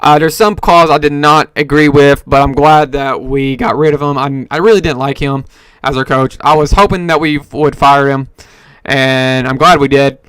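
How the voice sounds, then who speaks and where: A man's voice: medium pitch, fairly even intonation, normal speed, a bit bright, clean tone, no echo. A man hosting a casual solo podcast, rambling with many fillers and self-corrections. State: hiccups. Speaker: podcast host. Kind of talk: casual solo sports talk.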